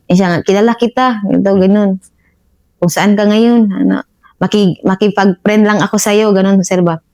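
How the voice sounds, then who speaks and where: A woman's voice: medium pitch, steady tone, moderate pace, darkish tone. A woman corporal telling her combat story to an officer, respectful and deferential. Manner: respectful, says "sir" after nearly every phrase. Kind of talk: interview storytelling.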